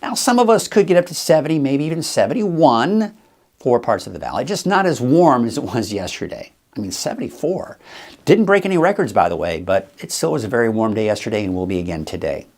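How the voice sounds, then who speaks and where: A man's voice: mid-range voice, big pitch swings, fairly quick, a little mellow. A man hosting a casual live weather show, chatting in a rambling way and thinking aloud with fillers. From Northern California. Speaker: weather host. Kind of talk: casual live-stream forecast chat.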